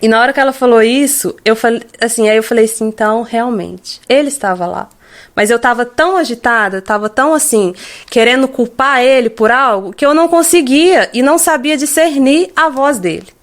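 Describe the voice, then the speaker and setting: A Brazilian woman in her thirties speaks as a guest, recounting her own experience in a fairly high voice. She is earnest and hesitant, often breaking off and starting her sentences again. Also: a little fast. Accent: Brazilian Portuguese. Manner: earnest, hesitant with frequent restarts. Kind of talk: personal testimony.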